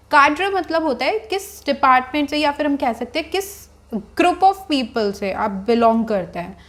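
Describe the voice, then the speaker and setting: Slow-spoken woman teaching pronunciation. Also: on the high side. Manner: slow, deliberate over each English word; addresses viewers as friends. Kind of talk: Hinglish vocabulary lesson.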